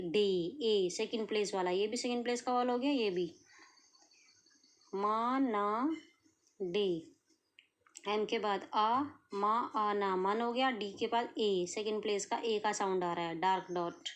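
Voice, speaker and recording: An Indian woman teaching shorthand step by step, patiently checking that her students follow. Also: medium pitch. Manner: patient, checks in often with "clear?" and "okay". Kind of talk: explaining a lesson step by step.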